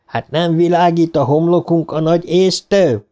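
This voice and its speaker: A man's voice: fairly high pitch, clear, resonant tone, pitched above the performer's own voice, close to an everyday voice. A man reading a wisecracking boy who puts on a bandit voice for a joke. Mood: hammy. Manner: joking, cocky.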